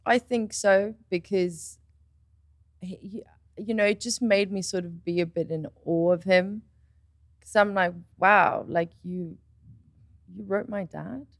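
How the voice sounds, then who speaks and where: Telling a personal story slowly in casual conversation, this woman in her twenties voices the people involved and rises high and loud when excitement takes over. Her voice is captured close and dry, without echo.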